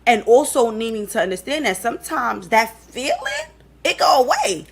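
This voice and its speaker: A woman's voice: fairly high pitch, sing-song, moderate pace, creaky, breathy edge. Laughing Southern woman podcast co-host. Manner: laughing, playful, teasing. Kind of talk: casual chat.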